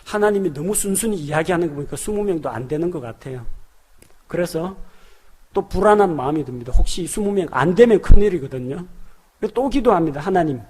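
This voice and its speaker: A male pastor preaching an expository sermon, acting out prayers in lively voices. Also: a little high, fairly quick, breathy edge.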